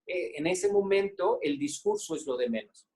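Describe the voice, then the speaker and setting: A man's voice: sits high, wildly swooping pitch, normal speed, vocal fry, a little mellow. A man, a psychologist giving a webinar talk to teachers, conversational and full of "eh" and "este" fillers, often checking in with his listeners. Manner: conversational, asks the audience frequent check-in questions.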